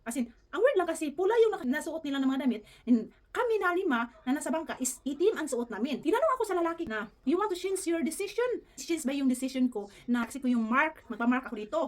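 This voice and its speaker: A woman's voice: sits high, big pitch swings. A woman vlogger telling a story in a casual, earnest way, often addressing her viewers as "guys" and mixing English into her talk. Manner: fast, earnest, keeps saying "guys", mixes English in.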